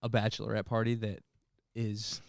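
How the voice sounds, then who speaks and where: A man's voice: on the low side, normal speed, gravelly, no room sound. A man co-hosting a podcast, telling stories in casual chat and swearing often. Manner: animated storyteller who swears often. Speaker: podcast co-host.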